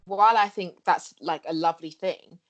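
Low-voiced woman with a Cockney accent. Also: moderate pace, dull audio. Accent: London Cockney. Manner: earnest, many fillers and restarts. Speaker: podcast co-host. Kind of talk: casual discussion.

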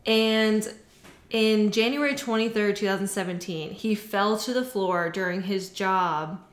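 A woman's voice: medium pitch, measured pace. Casual storytelling woman, echoey room. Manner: swearing, storytelling, acts out quoted people. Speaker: podcast co-host. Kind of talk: casual chat.

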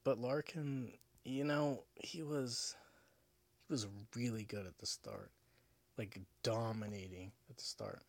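A man's voice: medium pitch, slow pace, gravelly, no echo. A drunk man hosting a casual sports podcast alone, rambling, repeating himself and swearing. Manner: rambling, profane, repetitive. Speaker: podcast host.

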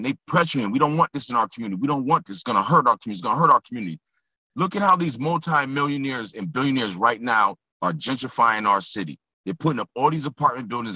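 A man's voice: medium pitch, bright, forceful tone, slightly rough, no echo. A man speaking earnestly in an impassioned group discussion, heard over an online conference call and repeating his key points. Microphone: computer or phone mic on a video call. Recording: dull, dry conference-call audio.

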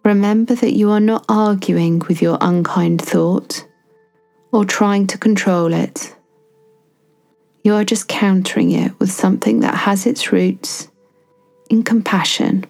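A woman guiding a self-compassion meditation, speaking softly and soothingly with long pauses between phrases. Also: medium pitch, fairly even intonation, creaky, soft background music. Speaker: meditation guide.

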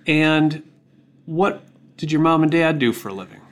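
A man's voice: on the high side, moderate pace. A man speaking as a podcast host, moving between promotional reads and casual interview talk.

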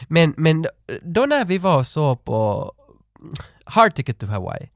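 A man talks casually on a podcast, chatty and given to laughter. His voice sits a bit high and moves a lot, with repeated words as he gets going, in a dry close recording. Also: very animated, gravelly, no echo. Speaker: podcast co-host. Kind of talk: casual chat.

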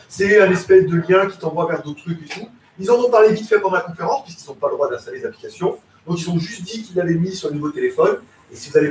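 Chatty man in an echoey room. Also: fairly high pitch. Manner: loose, slangy, rambling with many fillers. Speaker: podcast host. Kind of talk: casual live tech chat. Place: home in Thailand. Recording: echoey room, distant mic, faint hiss.

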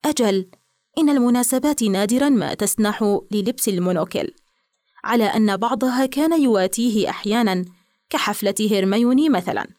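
A woman reading literary fiction aloud in a measured storytelling manner. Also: a little high, a little mellow, no room sound, studio quality. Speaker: audiobook narrator. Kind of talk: scripted literary narration.

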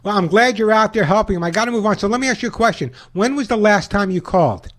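A man's voice: high-pitched, expressive, fast talker. A man hosting a radio call-in show, giving advice and reading sponsor spots in a conversational way. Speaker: radio pet show host and caller adviser. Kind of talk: talk radio, advice and scripted sponsor reads.

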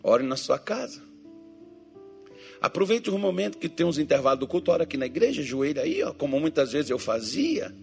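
A man's voice: on the high side, very animated, a little fast, vocal fry, darkish tone, faint music behind. A man preaching a joking sermon as pastor, teasing his congregation and acting out Bible figures and churchgoers in different voices.

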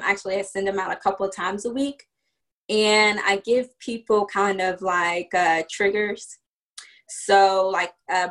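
A woman from Virginia who founded a business chats as a guest on a casual podcast. Her mid-range voice has a fairly bright tone, and she explains things step by step with plenty of fillers.

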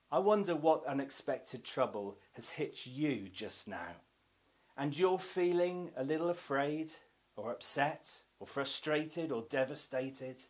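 A man, a church minister, giving a devotional Advent reflection and reading scripture, in a measured voice that sinks to soft, hushed tones. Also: on the high side.

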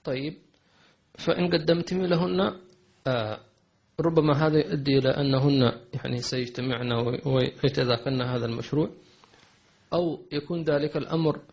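Religious teacher, male, mid-pitched and gravelly, measured and hesitant in his delivery, muffled recording. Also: a little mellow. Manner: measured advice with hesitant fillers and restarts. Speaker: Islamic teacher answering questions. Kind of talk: religious lesson with questions and answers. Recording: dull lo-fi recording.

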